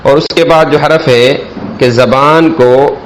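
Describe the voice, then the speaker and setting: Man slowly teaching letter sounds. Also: fairly high pitch, steady tone, slight background noise, low-quality recording. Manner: drawn-out, carefully enunciated letter sounds. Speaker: Quran reading teacher. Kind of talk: slow instructional alphabet lesson.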